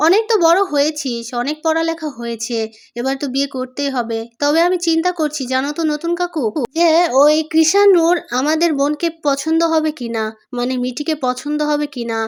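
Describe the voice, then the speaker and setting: A joking young man teases a sibling in a light, mocking way, voiced by a woman reading the recap. Her high voice carries the lines at a brisk pace. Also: lightly acted. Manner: teasing, joking. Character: teasing young man in the family.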